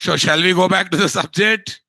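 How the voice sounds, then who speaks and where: High-pitched Telugu-accented Indian man teaching class. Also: moderate pace, gravelly, pushed and bright, dry recording, studio quality. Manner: scolding, exasperated, rhetorical questions, tag words. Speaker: instructor of a software course. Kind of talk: live online class, informal lecture.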